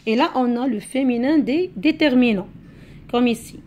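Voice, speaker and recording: A woman's voice: a little high, moderate pace, warm tone. A woman teacher giving a patient grammar lesson to a class, walking through many examples.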